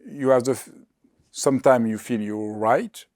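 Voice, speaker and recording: A man hosts an interview, asking questions in halting, hesitant English full of restarts. His voice sits in an ordinary middle pitch. The sound is close and dry, with no room echo. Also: darkish tone. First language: French. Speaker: host.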